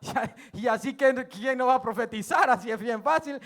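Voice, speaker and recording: A male preacher delivers a sermon in a church. His voice sits unusually high for a man. He retells scripture as lively storytelling and slips in joking asides. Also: fairly quick.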